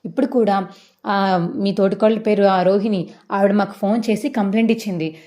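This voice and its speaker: A woman voicing a stern male hospital owner who scolds his staff in brisk questions. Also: mid-range voice, steady tone, dark tone, lightly acted. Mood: firm.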